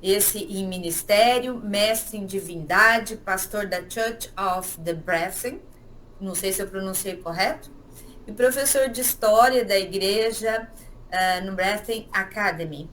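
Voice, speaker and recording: A woman acting as interviewer speaks in a measured, polite way as she introduces her guest formally. She talks slowly at a middle pitch. A faint noise sits under her voice. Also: a bit bright, rough recording.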